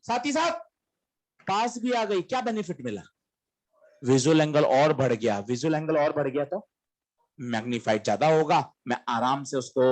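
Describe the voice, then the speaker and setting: A man teaching a physics lesson in a classroom-lecture style, quizzing students and answering his own questions in a coaxing, emphatic way. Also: sits high.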